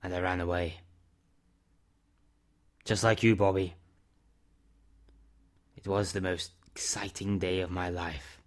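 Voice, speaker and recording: In an amateur audio drama, a man voices an older recluse with a low-pitched, calm, firm, fatherly tone. His phrases are terse and measured, and his mood is quiet and confiding.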